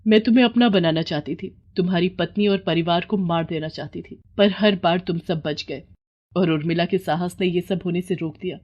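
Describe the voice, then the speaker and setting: A woman voicing a remorseful female snake spirit in a cartoon story, with a breathy, pleading voice. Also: lowish voice, fairly quick, highs cut off, natural voice. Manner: pleading, confessional.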